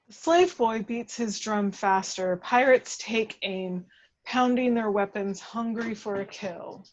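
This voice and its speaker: At a table read, a woman narrates scripted action descriptions with measured, dramatic storytelling. Her voice is medium-pitched and the recording sounds muffled.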